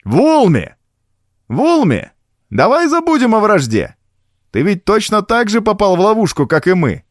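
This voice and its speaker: A man's voice: low-pitched, normal speed, darkish tone, dry recording, clean studio sound, natural voice. A man voicing a frightened, scheming male pirate leader in an audiobook, with an anxious, muttering manner. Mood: shouting.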